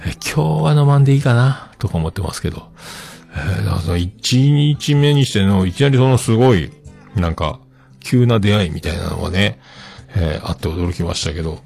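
Guy hosting a solo chat, rambles a lot, lively up and down voice, faint music behind. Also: fairly low pitch, brisk, gravelly, slightly rough. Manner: rambling, chatty, self-joking. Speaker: host.

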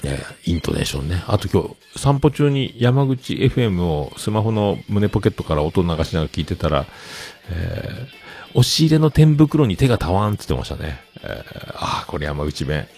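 Middle-aged male host, casual storyteller, lively swooping pitch, acts out quotes. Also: brisk, hardly any pauses, faint music behind. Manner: chatty, acts out other people's lines in quotes.

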